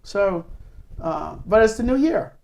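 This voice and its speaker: A woman's voice: medium pitch, expressive, measured pace, gravelly, a little mellow. A woman co-hosting a casual teaching chat, blunt and emphatic, speaking plainly. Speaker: co-host teaching.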